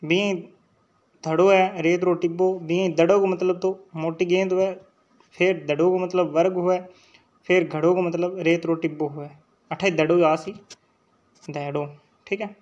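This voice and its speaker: A man with a Rajasthani accent gives an exam-prep lesson in a high voice, sounding out letters one by one and pausing to check in with the class. The recording is dull and lo-fi. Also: steady tone, a little mellow. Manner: drills sounds aloud, checks in with "theek hai" often. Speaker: teacher. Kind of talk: online exam-prep lecture.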